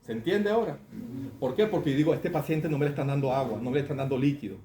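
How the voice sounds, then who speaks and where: Echoey medical lecturer quizzing students. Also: male voice, mid-range voice, quick pace, warm tone. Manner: conversational, asks the class questions. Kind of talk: classroom lecture on clinical cases. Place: lecture hall. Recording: echoey classroom, faint room noise.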